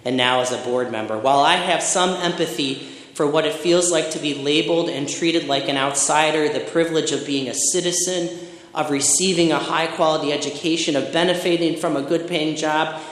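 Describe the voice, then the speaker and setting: A man's voice: a little high, brisk, a bit bright. Man preaching in an echoing hall. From Michigan, USA. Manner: reflective, personal storytelling with emphatic lists. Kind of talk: sermon. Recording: echoey hall with long reverb.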